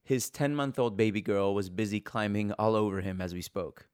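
A man reporting and hosting, telling a documentary story in a steady, earnest way. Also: lowish voice, normal speed, smooth, no echo, studio quality. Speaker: podcast reporter and host. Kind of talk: documentary podcast narration.

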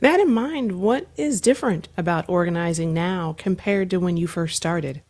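Measured woman public radio host. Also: on the low side, darkish tone. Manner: measured, scripted introductions.

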